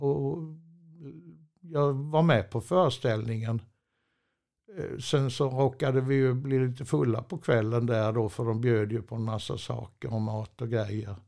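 An older man with a gravelly, creaky voice tells old road stories. He talks in a chatty, meandering way, stops and restarts, and chuckles often. His pitch sits in an ordinary middle range. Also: a little mellow. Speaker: storyteller, former truck driver. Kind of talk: rambling anecdotal storytelling.

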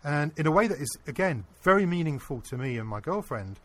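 A man being interviewed, earnestly telling a personal anecdote in a casual, animated way. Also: a little high, a little fast. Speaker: interview guest. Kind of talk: casual storytelling.

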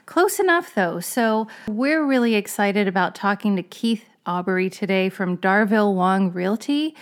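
A woman's voice: medium pitch, a little slow. A woman in her fifties co-hosting a podcast, chatty and upbeat, talking straight to the listeners. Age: 50s. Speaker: podcast co-host. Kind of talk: podcast interview.

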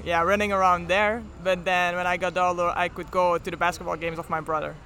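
A woman's voice: lowish voice, flat delivery, fairly quick, a bit bright, slight background noise. A woman in her twenties from Belgium with a Flemish accent, a native Flemish speaker, talking informally in an interview with lots of "like". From Belgium, near Ghent. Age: 20s. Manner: frequent "like" as filler, informal. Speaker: professional basketball player being interviewed. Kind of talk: casual interview chat.

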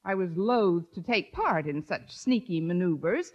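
Wry schoolteacher, lilting and lively. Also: female voice, fairly low pitch, measured pace. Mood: dry. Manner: dry, deadpan, sardonic. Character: wry, wisecracking female schoolteacher. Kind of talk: old-time radio comedy acting. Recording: dull vintage radio broadcast.

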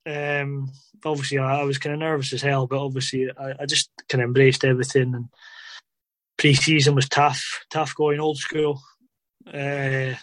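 A man's voice: medium pitch, fairly bright tone, slight background noise. A man telling stories in an interview about his days as a footballer, rambling casually with lots of fillers like "obviously" and "you know". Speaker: former footballer guest.

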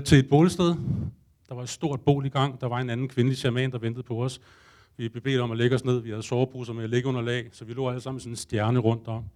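Animated man telling a wild story. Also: mid-range voice. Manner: animated, acts out his own panic and thoughts, casual swearing. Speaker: storyteller addressing a live audience. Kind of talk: comic first-person storytelling.

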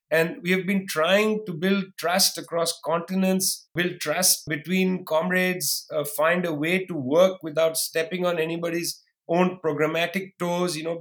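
Male guest, fairly high voice, rapid and forceful delivery, with sarcastic asides. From India. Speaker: guest historian. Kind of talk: podcast interview.

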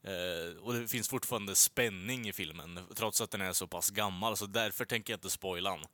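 Bright-voiced man rambling. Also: deep voice, no room sound. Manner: rambling, many filler sounds, swears casually. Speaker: podcast co-host reviewing films and music. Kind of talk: casual chat.

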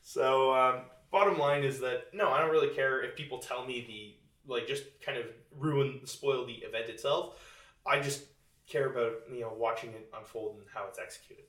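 A man's voice: medium pitch, normal speed, a bit bright. A man co-hosting a casual movie chat, talking loosely with many fillers and frequent laughs. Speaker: podcast co-host. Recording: roomy echo, distant mic.

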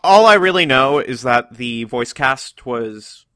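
Bright-voiced man explaining on a podcast. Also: mid-range voice, lively intonation, slow pace, dry recording. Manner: informative, explaining facts with small restarts. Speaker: podcast host. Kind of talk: casual podcast chat.

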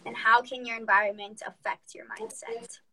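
A woman's voice: a little high, level tone, moderate pace, heavy background noise. A young woman co-hosting a casual live chat, upbeat and asking her audience questions. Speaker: podcast co-host.

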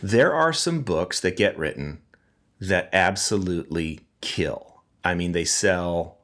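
A man's voice: low-pitched, animated, takes it slowly, fairly bright tone. A middle-aged man with a wheezy voice and a head cold, chatting casually as a podcast host and breaking off his own sentences as he tells stories. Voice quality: wheezy, congested voice. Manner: chatty, self-interrupting, storytelling. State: sick with a cold.

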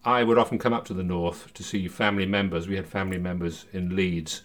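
A man's voice: low-pitched, fairly even intonation, quick pace, fairly bright tone. An older man hosting a podcast, introducing it and talking conversationally in a studio. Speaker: podcast host.

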